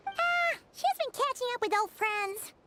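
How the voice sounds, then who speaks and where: Casting: excitable tiny game fairy, very high childlike squeak, animated delivery. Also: female voice, a little slow, a little hiss or hum, full character voice. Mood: pleased, boastful. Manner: squeaky, exclaiming, refers to herself by name. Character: tiny excitable floating fairy guide girl, boastful and childlike. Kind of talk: video game voice acting.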